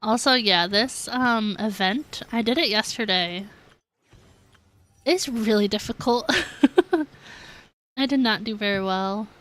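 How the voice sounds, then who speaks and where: A game streamer hosting a livestream chats casually while playing, speaking at a slow pace with a fairly high pitch, fairly bright tone, and long pauses. She is giggly and self-deprecating, informal, and peppers her speech with "like."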